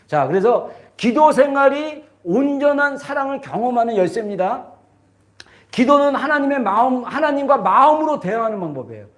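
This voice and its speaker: A man in his forties, a pastor, preaching a sermon with earnest emphasis and personal stories. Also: extremely high pitch. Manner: earnest preaching, rising to shouts on key lines; tells personal stories with light laughter. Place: church sanctuary.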